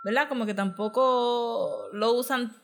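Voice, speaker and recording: A woman's voice: on the high side, measured pace. A woman recapping a film in casual chat, mixing in English words, with lots of fillers and laughs.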